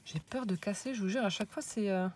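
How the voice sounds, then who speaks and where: A woman casually showing a handmade scrapbook album, hesitant and searching for words, and often dropping into soft, admiring whispered asides. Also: mid-range voice, fast, slight background noise. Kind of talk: casual show-and-tell.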